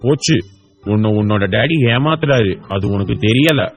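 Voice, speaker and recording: A man's voice: mid-range voice, lively intonation, normal speed, husky, faint music behind. A man voicing a boastful little schoolboy who mocks a classmate, for an audiobook. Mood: taunting. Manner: mocking, boastful. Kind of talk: audiobook character voice.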